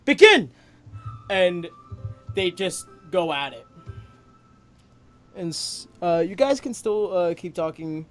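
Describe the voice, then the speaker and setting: Slow, halting male game master. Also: sits high, lively intonation, faint music behind. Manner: slow, halting narration full of ums and uhs. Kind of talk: narrating a tabletop game.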